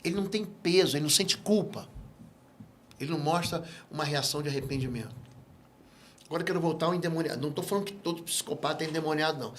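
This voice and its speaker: A man with a Brazilian Portuguese accent, a guest pastor teaching in an interview and telling stories with lively acted-out dialogue. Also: fairly high pitch, fast, slight background noise. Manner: animated storyteller who acts out quoted dialogue. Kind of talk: interview, teaching on spiritual matters.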